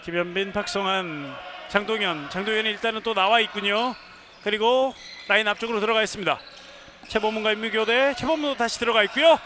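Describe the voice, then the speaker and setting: A man doing live handball play-by-play, given to shouted, drawn-out goal calls. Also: high-pitched. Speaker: sports play-by-play announcer. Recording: clear arena noise behind the voice.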